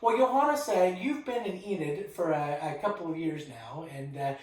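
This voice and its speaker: A man's voice: fairly high pitch, normal speed. A man hosting an interview, friendly and upbeat, laughing easily between questions. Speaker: interview host. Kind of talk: casual interview. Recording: echoey room, voice far from mic.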